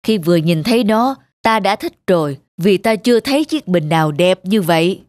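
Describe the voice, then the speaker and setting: In a moral folk-tale cartoon, a woman voices a kindly, calm older male antique collector, speaking in a measured, gently instructive way with a modest, kindly mood. Her voice is lowish and close to everyday speech, recorded without echo.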